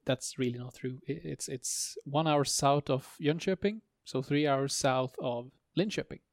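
Gravelly man, dry short interjections. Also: mid-range voice, a little slow, dry recording. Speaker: podcast co-host. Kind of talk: casual tech podcast chat.

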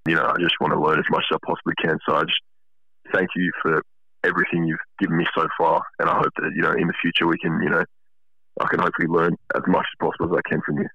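A man's voice: a bass voice, flat delivery, fast, sharp tone, husky, dry recording. A teenage Australian male chatting casually, earnest, polite and grateful, over a dull lo-fi line. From Wollongong, Australia. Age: teens, about sixteen. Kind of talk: casual chat.

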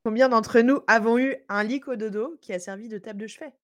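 A woman's voice: a little high, brisk, dry recording. A woman hosting a casual podcast conversation. She mostly chimes in with short agreements and friendly prompting questions. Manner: brief friendly interjections and prompts. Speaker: podcast host. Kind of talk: casual interviewing.

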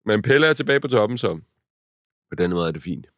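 A man's voice: on the low side, expressive, fairly bright tone, no room sound, studio quality. A man in his thirties, a podcast co-host, telling a story in casual chat with many fillers and restarts.

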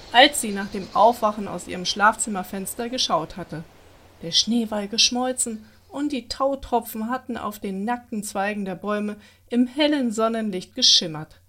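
A woman narrating a scripted bedtime story for small children. Her reading is gentle and even, and her voice sits a little higher than most. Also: moderate pace.

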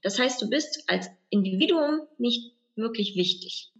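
A woman's voice: on the high side, lively intonation, unhurried, dull audio. A German woman, an actress, reflecting in an interview, thinking aloud in a rambling way with many restarts. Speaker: actress and guest. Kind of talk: conversational interview.

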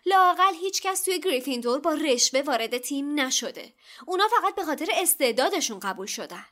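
A woman's voice: high-pitched, animated, a bit bright, pitched above the performer's own voice. A woman voicing a clever, outspoken schoolgirl who talks in a heated, indignant way.

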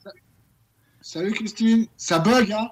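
A man's voice: high voice, slow pace. Man on a breaking-up web call. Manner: apologetic, struggling to hear the hosts. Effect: internet call audio breaking up and cutting out. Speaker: remote guest. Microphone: remote video call link. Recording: choppy distant web call with crowd noise behind.

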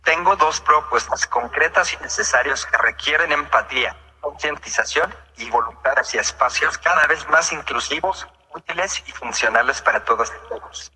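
A man's voice: a little high, pushed and bright, breathy edge. A robotic male text-to-speech voice, like an old speech synthesizer, delivering a prepared formal speech. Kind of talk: prepared formal speech through a communication device. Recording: hall reverb, played-back senate video.

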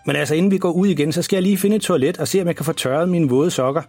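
A man's voice: a little high, darkish tone, breathy edge, no room sound, faint music behind, voice pushed up. A man playing an embarrassing, boastful father who rambles through tall tales in a children's story. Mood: cheery. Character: boastful, embarrassing dad, tall-tale teller.

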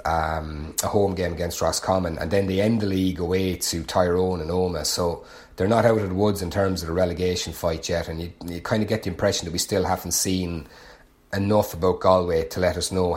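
Irish man with a deep low voice talking through league results, pundit style. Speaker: sports pundit. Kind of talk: conversational sports analysis.

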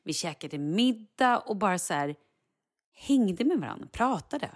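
A woman's voice: medium pitch, sing-song. A woman in her forties co-hosting a chat show, talking in an easygoing way about time spent with her son and laughing along. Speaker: podcast co-host. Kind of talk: casual chat.

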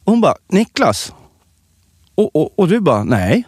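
A man co-hosting a podcast, chatting casually and telling stories with animated delivery. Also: breathy edge, no room sound, studio quality. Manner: animated storytelling, lively pitch. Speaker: podcast co-host. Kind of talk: casual chat.

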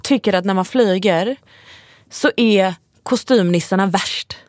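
A woman's voice: mid-range voice, a little mellow, no room sound, clean studio sound. A woman co-hosting a casual podcast, chatting and telling her own stories. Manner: chatty, agreeing, laughs while telling. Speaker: podcast co-host. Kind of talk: casual chat.

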